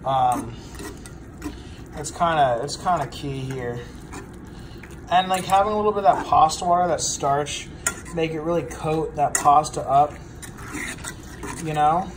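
A man's voice: on the high side, a little slow, long pauses. A young man who sounds drunk, chatting loosely and profanely as he cooks at home. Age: young adult. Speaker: amateur home cook. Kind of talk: casual profane cooking chat. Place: home kitchen, indoors. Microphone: handheld phone. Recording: noisy handheld phone, kitchen clatter. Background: pans and cutlery clattering.

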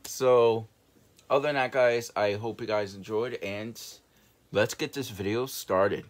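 A young man hosting a casual reaction vlog, talking in a halting, rambling way. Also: fairly low pitch, steady tone, slight background noise. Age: young adult. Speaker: reaction video host. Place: small bedroom, indoors.

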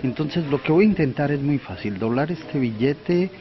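A man from Colombia, a magician, explaining a trick to camera in a relaxed chatty way into an interview mic indoors. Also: fairly high pitch, normal speed, highs cut off. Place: indoor function room. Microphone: handheld interview mic.

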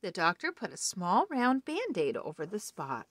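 Expressive woman reading a children's book. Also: fairly low pitch, moderate pace, no room sound. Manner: warm, expressive storytelling. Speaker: storybook reader. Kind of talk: children's read-aloud.

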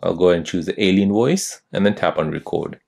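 Low-voiced man explaining phone settings. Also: fast talker, creaky. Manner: steady step-by-step instructions. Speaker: tech tutorial host. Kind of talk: screen-recorded phone tutorial narration.

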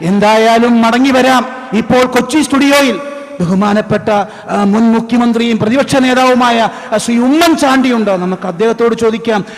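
A man playing a TV news anchor, politely introducing guests. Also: extremely high pitch. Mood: formal. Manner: polite, measured announcing. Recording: echoey stage hall.

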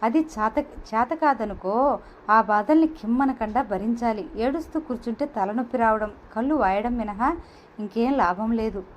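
A patient young man read by a woman narrator from an audio novel, his voice sitting a little high. He reasons gently and steadily, consoling rather than arguing. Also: moderate pace, slight background noise, lightly acted, rough recording. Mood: calm.

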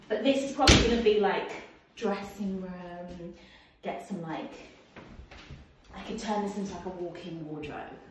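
A woman in her thirties giving a playful, chatty vlog tour of her empty new house, filmed on a phone. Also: on the low side. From England. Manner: chatty, playful, lively tour-guide banter. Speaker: vlogger. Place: empty house with bare rooms and wood floors. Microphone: phone held at arm's length and on a tripod. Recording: echoey empty rooms, noticeable noise.

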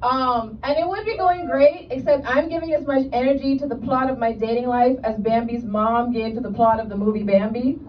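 A female stand-up comic performs on a comedy club stage, chatty and loose, dropping lots of "like" asides. Her somewhat high voice is steady and brisk with hardly any pauses. The distant mic gives a dull, lo-fi sound under loud audience laughter.

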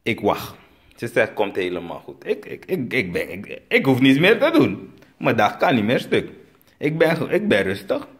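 A man from Suriname with a Surinamese Dutch accent, telling a comic story and acting out the dialogue, with sudden high bursts. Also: huge pitch swings, moderate pace. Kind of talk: storytelling comedy.

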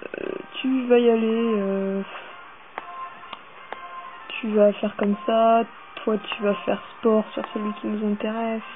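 A woman with a fairly high voice plays a video game, commenting casually at a slow pace with long pauses. She swears, rambles and gets excited as she goes. The sound is tinny and phone-like, with faint music.

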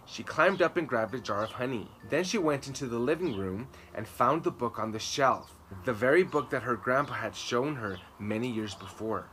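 Outdoors in a garden, with birds and ambient noise behind him, a man in his thirties hosts storytime by reading a children's book aloud. His middle-pitched voice is a bit bright, and he tells the story dramatically, slowing and repeating key words for emphasis.

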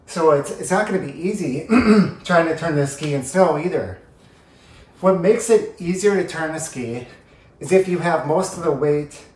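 A man in his thirties walks through how skis work, speaking a little above the usual pitch for a man. He explains step by step while demonstrating, heard from a camera set well back. His voice carries the bounce of a roomy living room. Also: far from the mic. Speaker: ski instructor. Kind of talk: home demonstration tutorial. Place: living room by a brick fireplace. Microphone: far camera.

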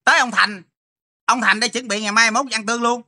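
A man's voice: very high-pitched, quick pace. A man with a Southern Vietnamese accent telling a story in casual chat, repeating words as he stumbles along. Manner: stammering repetitions, animated storyteller.

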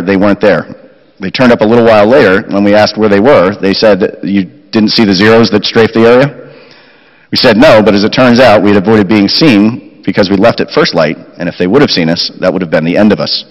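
A middle-aged man reads a family war story aloud from a chapel lectern, steady and brisk. His voice sits on the low side. The lectern mic picks him up with a long chapel reverb behind. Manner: steady reading with quoted recollections. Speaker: chapel speaker. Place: school chapel, indoors.

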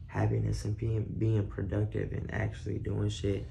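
A man's voice: on the low side, completely flat delivery, normal speed, vocal fry, warm tone, slight background noise. A young man hosting a vlog in casual, slangy chat, swearing and laughing often. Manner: slangy, profane, laughs a lot. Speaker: vlogger host.

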